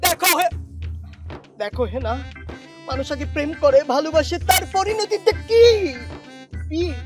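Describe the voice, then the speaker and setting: An actor playing a lovestruck, bumbling young suitor who stammers and speaks. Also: male voice, very high voice, moderate pace, soft background music. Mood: pleading. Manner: stammering, excitable, breaks into song.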